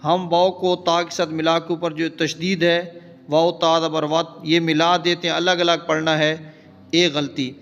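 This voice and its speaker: A man's voice: a little high, level tone, creaky, fairly bright tone, highs cut off. Urdu-speaking man chanting recitation, echoing hall. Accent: Pakistani Urdu. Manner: slow, drawn-out chanting of example words between quick explanations. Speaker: Islamic scholar teaching prayer recitation. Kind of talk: recitation lesson with chanted examples.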